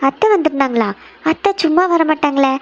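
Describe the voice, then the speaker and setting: Brief: woman playing young cartoon younger sister, concerned and probing, high voice, dull lo-fi audio. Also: fast, natural voice. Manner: anxious, keeps pressing with questions. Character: caring younger sister, young office worker. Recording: dull lo-fi sound.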